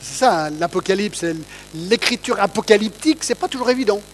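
A man's voice: sits high, fairly quick, slight background noise, low-quality recording. A man giving a conversational Bible teaching, reading verses aloud and often checking in with his listeners. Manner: asks listeners to check in, reads scripture aloud.

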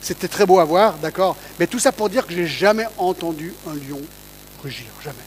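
High-voiced man teaching scripture. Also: animated, normal speed, a little hiss or hum, rough recording. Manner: asks listeners to check in, reads scripture aloud. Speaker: Bible teacher. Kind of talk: conversational Bible teaching.

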